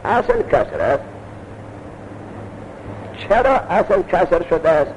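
A man's voice: on the high side, sing-song. A man teaching a classroom lesson, lecturing with rhetorical questions and reading texts aloud. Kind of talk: classroom lecture on Arabic grammar. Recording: dull lo-fi recording with faint noise.

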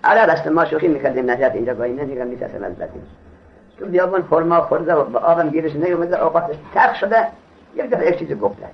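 A man's voice: on the high side, animated, vocal fry. A man teaching Arabic grammar in a classroom lecture. He reads the text aloud, explains it in casual speech and quizzes his students. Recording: dull lo-fi recording.

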